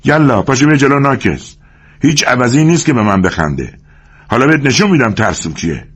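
A man's voice: fairly high pitch, big pitch swings, breathy edge, pitched above the performer's own voice. A man voicing a hot-tempered, bullying young man who threatens and picks fights. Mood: aggressive. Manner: aggressive, threatening.

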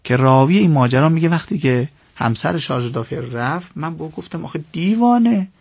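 Brief: male radio guest lecturer, gravelly and a bit husky, dry close sound, lively storyteller. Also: medium pitch, dry recording. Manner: animated storytelling, quoting figures in shifting tones. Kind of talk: radio interview, explaining history.

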